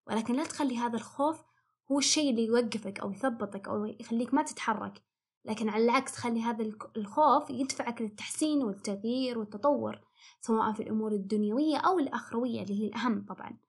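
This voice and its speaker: Fast, husky woman host. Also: fairly high pitch. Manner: reflective, advice-giving, frequent restarts. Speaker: podcast host. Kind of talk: solo advice podcast talk.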